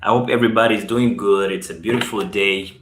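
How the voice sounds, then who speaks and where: A man's voice: lowish voice, fairly even intonation, fairly quick, a little hiss or hum. Laid-back Ugandan man live streaming. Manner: chatty, reads out and greets viewers' comments. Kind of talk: casual live-stream chat. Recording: roomy echo.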